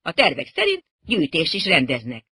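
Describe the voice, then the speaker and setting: A reader voicing a huge, brash male rock musician who talks loudly and breezily, with a husky tone. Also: medium pitch, wildly swooping pitch, full character voice.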